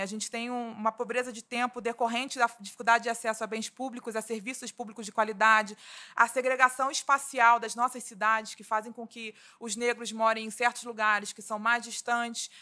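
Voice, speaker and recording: Woman, Rio accent, judge at a seminar, earnest, restarts often, bright tone. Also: a little high. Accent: Rio de Janeiro Portuguese. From Rio de Janeiro, Brazil. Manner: earnest, with frequent restarts and fillers. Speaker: labor judge giving a talk. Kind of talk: seminar talk. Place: conference hall.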